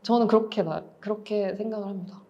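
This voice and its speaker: Fast-talking woman, mellow voice. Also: mid-range voice, steady tone, lo-fi sound. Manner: candid, reflective, explains with everyday examples. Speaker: author and writing teacher. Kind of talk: lecture talk.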